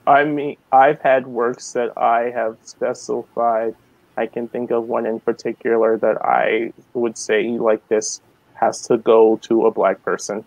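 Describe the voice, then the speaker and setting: A man of forty from the American South, a guest artist talking slowly and hesitantly on a video call, with many ums. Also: medium pitch, level tone, darkish tone, dry recording, poor audio. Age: 40s. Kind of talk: casual video-call interview.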